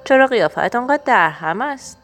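Gentle caring father, voiced by a woman reader, patient, soothing, lively pitch. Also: soft background music.

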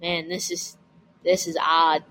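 A man's voice: fairly high pitch, slow, rough recording. A man co-hosting a podcast, chatting casually and matter-of-factly about sports. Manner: calm, matter-of-fact, quotes stats. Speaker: podcast co-host.

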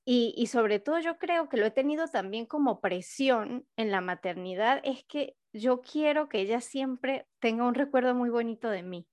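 Woman, 30s, host, thoughtful and measured, bright-ish voice, dry mic. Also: on the high side, no echo. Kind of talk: casual chat.

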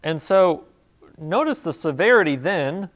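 A pastor preaches an expository sermon in a conversational, explaining manner. His voice sits a little high for a man, and he talks in short, measured phrases with pauses between them. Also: expressive, a bit bright.

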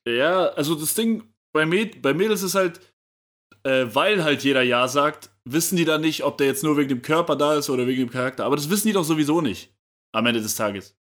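A man's voice: fairly high pitch, lively intonation, fairly quick, a bit bright. Laid-back slangy young man. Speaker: podcast co-host. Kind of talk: casual chat.

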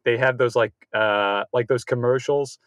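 A man's voice: mid-range voice, steady tone, moderate pace, a bit bright, dry recording, clean studio sound. A man hosting an interview show, enthusiastic and full of fillers like "like" and "uh". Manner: enthusiastic, filler-heavy rambling. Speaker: podcast host. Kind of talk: casual chat.

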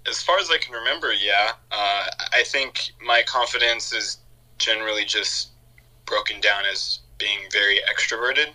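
A man who is a podcast guest, speaking in a relaxed, outgoing way with some hesitant fillers. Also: on the low side, normal speed, low-quality recording. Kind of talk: conversational interview.

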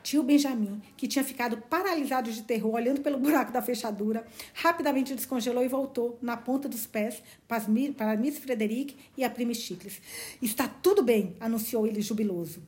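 A woman's voice: on the high side, fairly quick, a little mellow. Gushing woman reading a novel aloud. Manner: gushing, exclamatory asides. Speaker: book reader.

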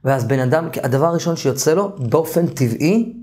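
A man teaching a therapy course in an informal, animated lecture. He often trails off and restarts his sentences, and at times raises his voice to act out sessions with clients. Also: on the high side.

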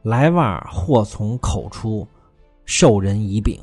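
A man's voice: lowish voice, expressive, takes it slowly, a little mellow, husky, faint music behind. Male storyteller with wry asides. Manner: wry commentary between scenes. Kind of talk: storytelling narration of a classic novel.

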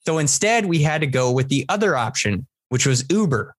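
A man's voice: medium pitch, sing-song, fairly quick, breathy edge, no room sound. A man from San Diego, a podcast co-host, telling a long story in casual chat with lots of restarts. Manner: rambling storyteller, many restarts.

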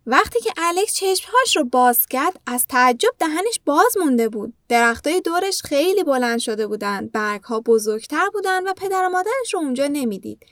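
High-voiced woman narrating a children's story. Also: sing-song, few pauses, a bit bright, no room sound, studio quality.

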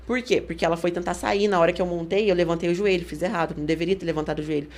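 A woman with a Brazilian Portuguese accent, a guest on a studio podcast, telling a story with energy and acting out the shouts of others. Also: lowish voice, fairly even intonation, very fast. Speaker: guest fighter. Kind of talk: casual podcast interview.

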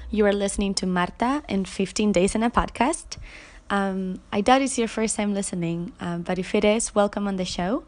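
A woman's voice: medium pitch, normal speed. A young adult woman hosting a podcast, introducing her guest in a friendly way with frequent ums. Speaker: podcast host.

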